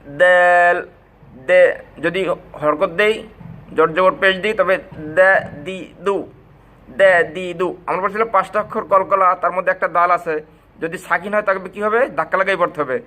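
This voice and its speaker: A man teaching Arabic letter pronunciation, repeating each sound slowly and stretching it out for his learners. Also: sits high, bright, forceful tone. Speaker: Quran recitation teacher. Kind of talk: slow, drilled pronunciation lesson.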